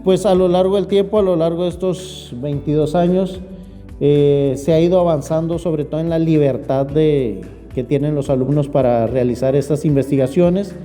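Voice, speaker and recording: Dark-voiced man in his forties. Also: on the high side, big-room sound, faint music behind. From Mexico. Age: 40s. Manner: halting, with frequent filler words. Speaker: primary school teacher. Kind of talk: interview testimony.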